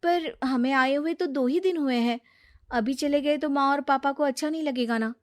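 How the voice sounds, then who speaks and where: A woman's voice: high voice, moderate pace, no echo, studio quality, voice pushed up, natural voice. A woman voicing a young wife and protective older sister who coaxes and lightly scolds. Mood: coaxing.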